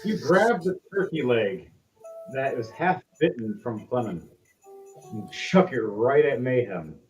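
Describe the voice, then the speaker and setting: A man's voice: medium pitch, lively intonation, measured pace, a little mellow, recorded from a distance. A man running a tabletop game as game master, narrating casually and theatrically. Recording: dull lo-fi audio with music.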